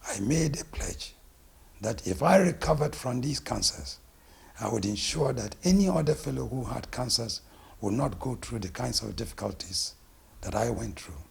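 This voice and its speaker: A middle-aged man from Ghana with a Ghanaian accent, a naturopathic physician introducing himself and his work in a deliberate, emphatic way. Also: medium pitch, lively intonation, creaky, husky. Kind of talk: self-introduction interview.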